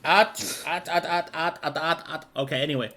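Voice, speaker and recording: A man's voice: a little high, steady tone, moderate pace, pushed and bright. A man playing around silly and joking as a player in a tabletop game. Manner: silly, playful. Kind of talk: casual tabletop chat.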